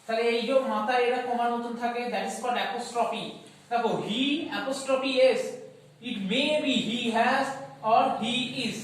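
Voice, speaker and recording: A woman with a Bengali accent teaching an English grammar lesson, switching between Bengali and English, slowing down to stretch each English example word and asking whether the class has understood. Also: a little high, fairly even intonation. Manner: asks checking questions like "okay?" and "is that clear?". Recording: echoey room, voice far from the mic.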